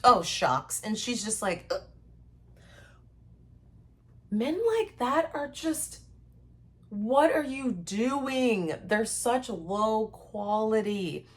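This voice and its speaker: A woman's voice: fairly high pitch, very slow, pauses often. Heated woman ranting to camera. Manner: animated, heated, acts out quotes. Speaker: content creator. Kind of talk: casual storytime rant to camera.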